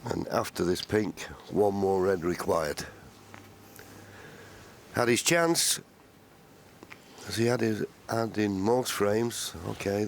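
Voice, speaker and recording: Gravelly, very low male snooker commentator. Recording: faint live arena noise.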